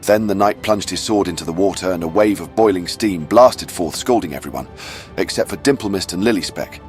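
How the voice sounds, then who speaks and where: A man's voice: low voice, a little fast, soft background music. A man narrating a scripted fantasy adventure recap as a storyteller given to wry, chatty asides.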